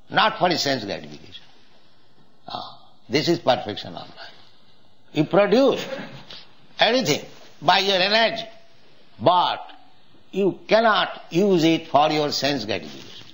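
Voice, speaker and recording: Older man giving a gravelly lecture. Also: fairly high pitch, fairly bright tone, low-quality recording. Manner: halting, with Sanskrit verses and frequent "uh" pauses. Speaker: spiritual teacher. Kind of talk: religious lecture. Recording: old 1970s lecture tape.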